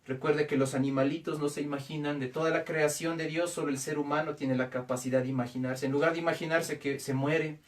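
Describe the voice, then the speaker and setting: A man preaching a sermon as pastor, with emphatic repetition and pauses. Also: fairly high pitch, fairly even intonation, recorded from a distance. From Ecuador.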